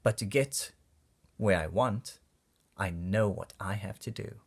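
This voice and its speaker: A man reading a children's picture book aloud with expressive, deliberate phrasing. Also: fairly low pitch, creaky, slightly rough. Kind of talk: storybook read-aloud for kids.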